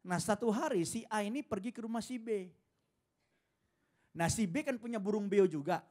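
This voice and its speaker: A man preaching a sermon with animated storytelling and casual asides to the congregation. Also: high voice, moderate pace. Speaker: pastor.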